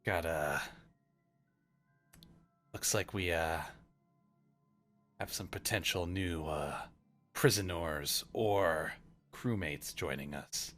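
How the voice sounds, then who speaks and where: A man's voice: sits low, takes it slowly, pauses often, fairly bright tone, faint music behind. Shadowbeard, a man doing a swaggering pirate. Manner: pirate drawl with hesitant fillers. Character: swaggering male pirate captain, friendly and sly.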